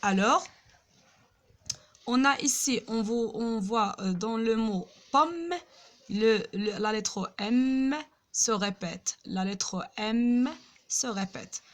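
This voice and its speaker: A woman teaching French to young pupils, patiently repeating each word. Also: a little high. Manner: slow, patient, repeats words aloud.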